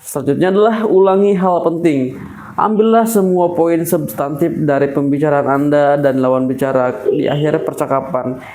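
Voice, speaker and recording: A man's voice: on the high side, moderate pace, dark tone. Young man reading a speaking lesson. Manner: reads in a lecturing tone, then breaks into casual slangy chat. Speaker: public speaking practice host. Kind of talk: reading from a book aloud, with casual asides.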